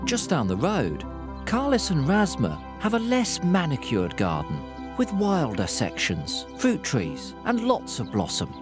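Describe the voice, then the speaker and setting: Very expressive male documentary narrator. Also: on the high side. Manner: measured, explanatory. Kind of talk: scripted narration. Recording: voice-over with music. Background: music.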